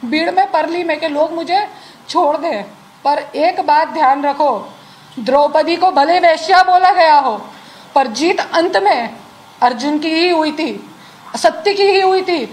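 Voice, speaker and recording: A woman's voice: very high voice, unhurried, low-quality recording. A woman, giving an impassioned, defiant statement to the press and challenging her accusers directly. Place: indoors at a media sitting.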